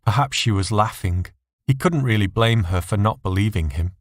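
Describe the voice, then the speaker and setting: Man, low register, scripted dark storytelling, dry recording. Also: moderate pace, no echo. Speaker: story narrator.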